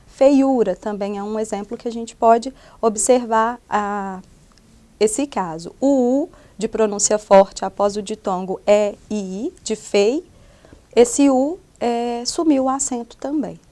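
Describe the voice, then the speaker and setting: A woman's voice: fairly high pitch, takes it slowly, warm tone. A young adult woman from Brazil with a Brazilian Portuguese accent, presenting a lesson in an explanatory way with frequent hesitation fillers. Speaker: student presenter. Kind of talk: recorded classroom lesson.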